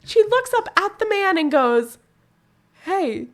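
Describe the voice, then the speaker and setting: A young woman co-hosting a podcast, telling a story casually with animated, profane, laughing energy. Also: very high voice, normal speed. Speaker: podcast co-host.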